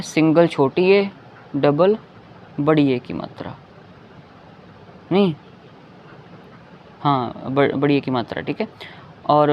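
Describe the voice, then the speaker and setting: A man teaching a lesson, patiently repeating each sound and often checking that listeners follow. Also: a little high. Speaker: Hindi teacher. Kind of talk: slow explanatory lesson. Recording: dull lo-fi recording with faint background noise.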